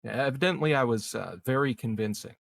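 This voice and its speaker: A creaky, medium-pitched male voice improvises in-character talk for a roleplaying game, speaking in a measured, halting manner.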